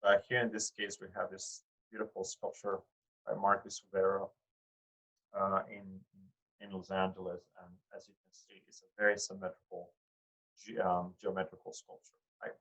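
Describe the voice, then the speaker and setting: Male art teacher, fairly low voice, loose conversational lecture with ums and restarts, quizzes the class. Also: monotone, normal speed, fairly bright tone, slightly rough, low-quality recording. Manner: conversational, with frequent fillers and restarts; addresses students directly with questions.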